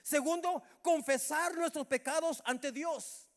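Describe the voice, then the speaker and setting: A man's voice: very high voice, slow. A middle-aged male pastor, preaching a Bible study sermon and calling out often to the brothers in the congregation. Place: church hall. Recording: reverberant church hall.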